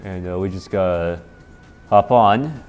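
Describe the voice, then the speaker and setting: A man with a somewhat dopey-sounding voice gives casual, halting playthrough commentary, rambling and repeating himself. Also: sits low, clear, resonant tone, phone-quality sound. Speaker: gameplay commentator. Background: video game music.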